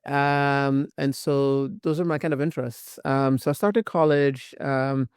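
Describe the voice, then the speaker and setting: A man who grew up in Jamaica, a professor speaking as an interview guest in a thoughtful way, with frequent pauses. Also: medium pitch, steady tone, darkish tone, clean tone, dry recording, clean studio sound. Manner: thoughtful, many "um" fillers. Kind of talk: academic interview.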